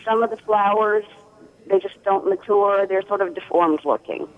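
A woman calling in to a radio show on a speakerphone, talking in a halting, hesitant way. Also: mid-range voice. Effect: speakerphone over a phone line. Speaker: radio caller. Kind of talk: call-in radio question. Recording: tinny phone line.

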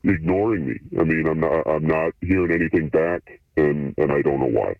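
A man speaking through a voice changer that shifts his voice deep, chatting in a laid-back, hesitant way as an anonymous radio guest. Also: fairly even intonation, normal speed, no room sound, faint music behind. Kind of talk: casual chat. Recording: phone-like line through a voice changer.

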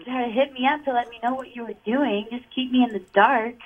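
A fairly high-voiced woman comes through on muffled phone audio. She sounds exasperated and sarcastic, often breaking into laughter. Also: fairly even intonation, fast talker. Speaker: caller. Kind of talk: phone call on a radio show.

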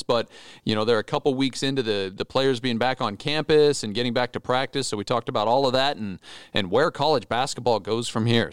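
American male sports co-host, smooth clean voice, dry close sound, conversational delivery. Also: mid-range voice, no room sound. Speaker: sports podcast co-host and interviewer. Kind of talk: casual sports talk and interviewing.

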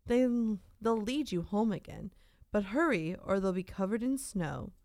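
A woman voicing a wise, helpful owl in a storybook reading, hooting and gently giving advice. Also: medium pitch, lively intonation, a little slow, no echo, clean studio sound. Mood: kindly.

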